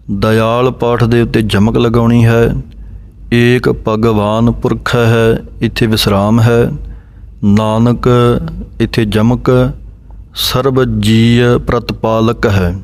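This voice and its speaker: A man teaching how to recite scripture verses, chanting each line slowly and then spelling out letters and pauses. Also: mid-range voice, darkish tone, smooth. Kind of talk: recitation lesson on Sikh scripture pronunciation.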